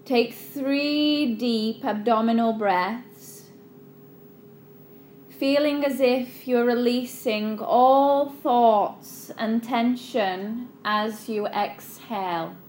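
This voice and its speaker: A woman leading a guided relaxation meditation in a soothing, unhurried, instructional manner. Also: on the high side, a little mellow, slight background noise.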